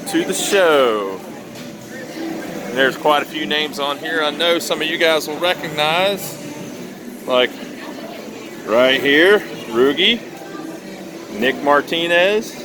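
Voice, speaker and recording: A man's voice: fairly high pitch, animated, slow pace, long pauses, noisy background. A man giving casual running commentary as a vlogger, recorded outdoors at a busy ballpark. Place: outdoors at a busy baseball stadium. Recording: outdoor ballpark, loud crowd and music. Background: loud crowd and music.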